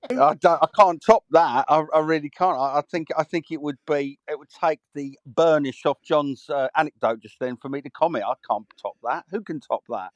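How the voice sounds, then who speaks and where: Man on a dry mic, quick quips. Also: fairly high pitch, no echo, dull audio. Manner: chipping in with short quips. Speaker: podcast co-host. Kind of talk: casual chat.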